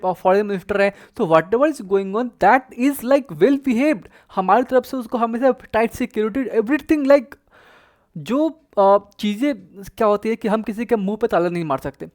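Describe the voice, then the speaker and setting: A man hosting a casual cricket commentary vlog, chatty and indignant, with frequent hesitations and restarts. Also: sits high. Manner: chatty, indignant, mixes in English phrases. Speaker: cricket channel host.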